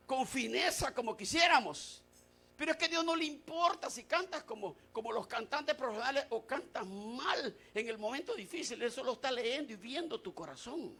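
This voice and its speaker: A male pastor preaching a sermon, who moves from shouted declarations to quiet, confiding talk. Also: very high voice.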